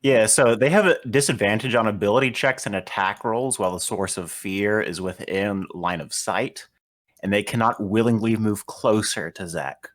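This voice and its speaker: A man's voice: fairly low pitch, moderate pace. A man playing a tabletop game, chatting casually and reading out the rules plainly. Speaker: player.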